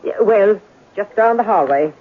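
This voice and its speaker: This is a natural, mid-range female voice at a measured pace, with lively intonation and a brisk, businesslike mood. She's an actress in an old-time radio drama, playing a nervous, evasive middle-aged landlady who talks in a colloquial, uneducated way. Slight background noise sits under a tinny, band-limited vintage radio sound.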